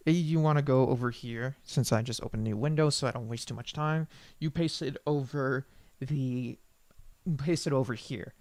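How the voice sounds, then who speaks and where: In a loose, unscripted way, the man explains a piece of software at a moderate pace and medium pitch, repeatedly catching and correcting himself. No echo is present.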